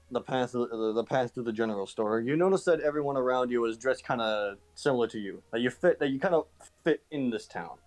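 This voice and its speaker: A man narrating a tabletop game as game master over an online call, hesitant and restarting his sentences often. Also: medium pitch.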